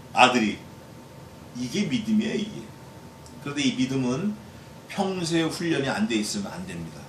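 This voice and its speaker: A male pastor giving a Bible exposition sermon in a lively way, acting out quoted voices and putting questions to the congregation. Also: medium pitch, moderate pace, pauses often. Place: church hall. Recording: echoey church hall, distant mic, faint noise.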